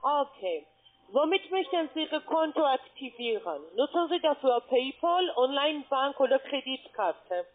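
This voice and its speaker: A woman, working as a cold-call adviser, halting and often checking for agreement. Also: high voice, very animated. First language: not German. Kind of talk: scripted sales phone call. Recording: muffled narrow phone line.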